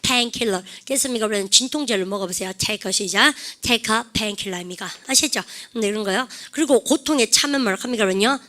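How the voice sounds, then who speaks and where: A woman's voice: on the high side, fast talker, hardly any pauses, sharp tone. A woman teaching English vocabulary, prompting students to repeat phrases and joking along the way. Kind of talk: lively online English lesson with call-and-repeat drills.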